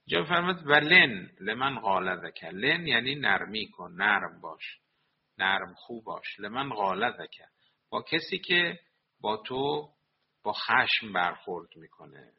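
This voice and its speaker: A man's voice: sits low, vocal fry, breathy edge. A man giving a sermon, quoting Arabic sayings and explaining them line by line. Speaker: religious lecturer. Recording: dull lo-fi recording.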